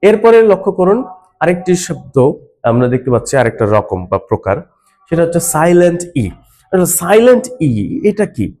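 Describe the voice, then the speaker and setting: A man's voice: high voice, very animated, a little fast, a little mellow. A man teaching an English phonics lesson, patiently explaining and spelling out words letter by letter.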